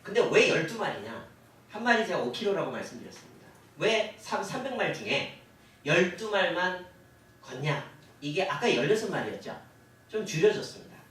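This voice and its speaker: A man's voice: sits high, big pitch swings, normal speed, a bit bright. A man giving a history lecture to a class, putting questions to the audience and acting out the officials he quotes. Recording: echoey hall, voice from far off, faint hiss.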